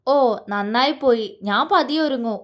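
A playful young pregnant wife teases her husband in a light, high, lilting voice, as a woman storyteller reads her. She has an easy, mischievous manner. The story is read aloud as an audio tale. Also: normal speed, close to an everyday voice. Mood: teasing. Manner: playful, teasing.

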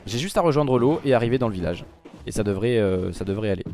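A man recording let's play commentary, talking to his viewers and to game characters, swinging from low muttering to sudden loud outbursts. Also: lively intonation, fast talker. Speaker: gaming YouTuber.

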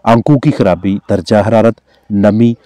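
A man's voice: lowish voice, measured pace, dry recording. A man with a Pakistani Urdu accent, a veterinarian giving formal, instructive, scripted voice-over narration. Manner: formal, instructive, steady delivery.

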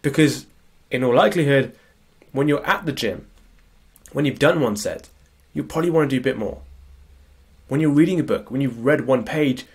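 Sniffling through a cold, a male productivity coach with a husky mid-range voice speaks animatedly at a normal pace. His screen-share lecture is casual and chatty, punctuated by tag questions like "right?"

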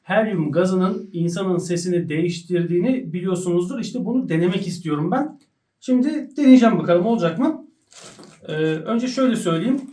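A woman's voice: fairly low pitch, lively intonation, brisk, mellow. A woman vlogger explaining an experiment casually to camera at home. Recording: roomy, distant mic, faint noise.

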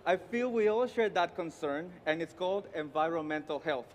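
A Honduran barista in his thirties, speaking with a Honduran Spanish accent in a slightly high, expressive voice, gives a formal, deliberate, rehearsed competition presentation through a headset mic. He's in a large indoor arena with empty stands, and the echoey hall carries clear venue ambience and background noise.

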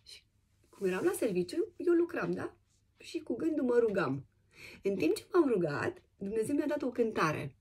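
A woman from Romania telling a personal testimony in a casual, animated way, with many fillers and restarts. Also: fairly high pitch, husky.

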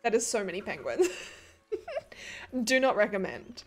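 A young woman giving casual gameplay commentary, gushing excitedly over cute animals and laughing often. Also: mid-range voice, unhurried, faint music behind. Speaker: game streamer.

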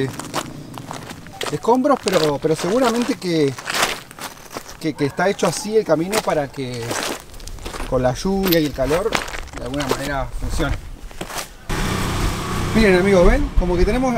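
Brief: young Argentine man, upbeat vlogger voice, fairly high and quick, faint street noise behind. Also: big pitch swings. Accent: Argentine Spanish. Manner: enthusiastic, addresses viewers directly. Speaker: travel vlogger. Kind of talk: casual walking vlog. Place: outdoors on city streets.

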